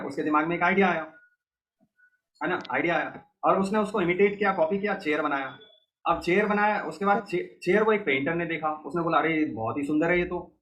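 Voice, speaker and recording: Higher-voiced man teaching an online class. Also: fairly bright tone. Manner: explains step by step, keeps checking students follow.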